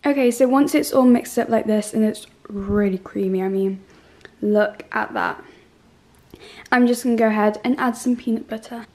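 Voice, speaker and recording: A teenage girl talks through her day in a chatty vlog, her voice a little high and croaky from just waking up. She fills her sentences with likes and ums. The room around her echoes. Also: moderate pace, dark tone, faint music behind. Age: teens. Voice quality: croaky morning voice. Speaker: vlogger. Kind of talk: casual vlog chat.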